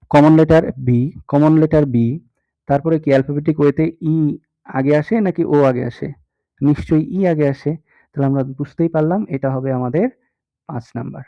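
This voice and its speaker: Man, Bangladeshi accent, patient step-by-step tutorial explaining, fairly high voice, tinny phone-like audio. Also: creaky. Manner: explains step by step, checks often with the listener. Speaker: teacher. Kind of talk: screen-recorded tutorial lesson.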